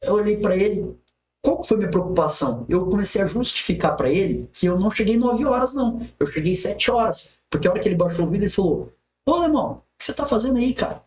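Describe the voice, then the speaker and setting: Fast, animated man telling a story. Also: high-pitched. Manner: animated, vivid storytelling with many restarts. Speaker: guest. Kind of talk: storytelling in a podcast interview. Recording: roomy echo.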